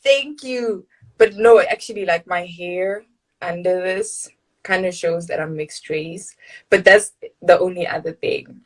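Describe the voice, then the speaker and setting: A woman's voice: on the low side, measured pace, poor audio. A woman from Johannesburg with a South African accent, hosting a casual interview and laughing often. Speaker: host.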